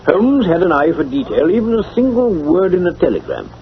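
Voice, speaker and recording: Doctor Watson, English narrator, tinny recording. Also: male voice, fairly high pitch, huge pitch swings. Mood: portentous. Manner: formal, measured. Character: gentlemanly English doctor, measured storytelling companion. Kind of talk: dramatic scripted radio narration. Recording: tinny band-limited old radio recording.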